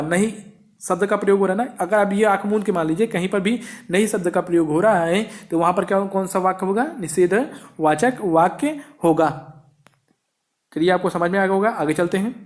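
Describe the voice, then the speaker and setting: A man's voice: sits high, normal speed. Man teaching an exam-prep grammar lesson. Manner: repeats rhetorical questions and answers them himself.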